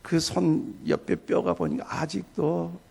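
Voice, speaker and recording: A male pastor preaching a Sunday sermon, telling a story with soft asides and sudden loud, emphatic bursts. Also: a little high, very animated, takes it slowly, creaky, husky.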